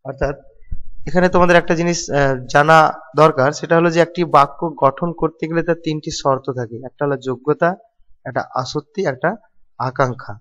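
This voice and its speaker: A man's voice: on the high side, steady tone, fairly quick, fairly bright tone, in a large hall, dull audio. A man teaching an exam-prep grammar lesson, explaining step by step and repeating key terms.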